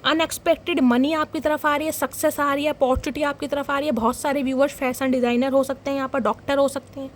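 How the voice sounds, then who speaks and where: A young woman with a high voice gives a dramatic, animated tarot reading and talks straight to her viewers. A faint hiss of noise sits under her voice. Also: fast talker, hardly any pauses. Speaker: tarot reader.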